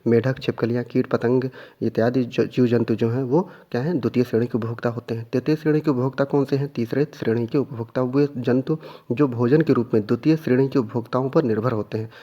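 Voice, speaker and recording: Guy w cramming exam stuff, warm low-key voice, kinda dull lo-fi sound. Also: fairly even intonation, fast. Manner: repeats key points and quizzes listeners with questions. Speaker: exam prep teacher. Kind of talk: exam revision lecture.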